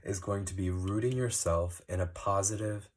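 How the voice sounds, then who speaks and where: This monthly astrology card reading comes from a deep-voiced tarot reader who sniffles as he recovers from a cold. His pace is unhurried and full of ums and uhs.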